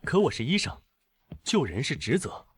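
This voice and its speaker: Worried neighbors in a drama, hesitant and pleading. His voice is husky and a little high, and it bounces about a lot. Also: huge pitch swings, normal speed, exaggerated voice.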